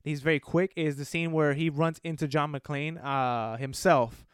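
A man co-hosting a podcast, retelling film scenes in an animated, casual way with some swearing. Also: on the high side, unhurried, clean tone, no room sound, clean studio sound. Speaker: podcast co-host. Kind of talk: casual movie review chat.

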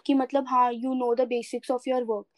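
Speaking in a rapid-fire rush with a level tone, the podcast co-host's voice sits high and carries no echo. She's a woman with an Indian accent whose casual, reflective talk is earnest and encouraging, switching back and forth between English and Hindi.

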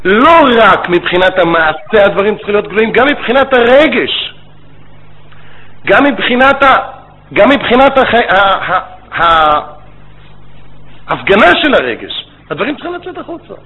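Rabbi-educator, male, fairly high voice, lively storytelling lecture, faint hiss behind. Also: pauses often. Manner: animated storytelling with rabbinic phrasing. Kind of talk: religious lecture. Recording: tinny phone-like line with faint noise.

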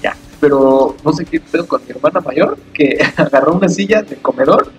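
A man's voice: a little high, normal speed, faint music behind, low-quality recording. Mexican man recalling a family story. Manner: laughs while telling stories, slangy. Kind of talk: casual chat, comic storytelling.

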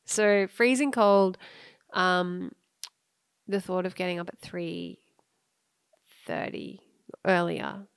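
Australian woman, podcast co-host, slow relaxed pace, frequent laughter, dry recording. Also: on the low side, clean tone, no room sound. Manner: laughs often, drawn-out storytelling. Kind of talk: casual chat.

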